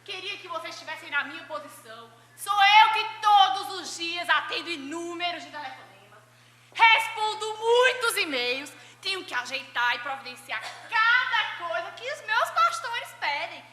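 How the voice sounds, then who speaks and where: Woman playing a whiny overworked church secretary, comic skit, very high pitch, echoey hall. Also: big pitch swings, moderate pace, sharp tone, heavily acted. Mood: complaining. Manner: whiny, self-pitying complaining with laughs. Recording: echoey hall with faint audience.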